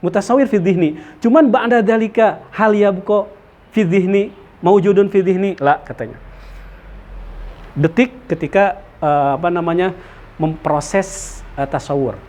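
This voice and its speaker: A man teaching a study circle lesson, explaining slowly with many fillers and Arabic terms and checking in with his listeners. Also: high-pitched, darkish tone. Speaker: teacher of Islamic theology.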